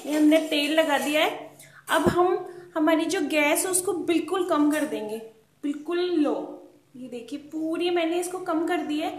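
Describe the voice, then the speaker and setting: A woman hosting her cooking channel, calmly and patiently walking through a recipe step by step at a gas stove in a home kitchen and repeating her tips. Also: sits high, a little slow, slight background noise. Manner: calm, patient instructional talk, repeats tips. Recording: roomy kitchen echo with pan sounds.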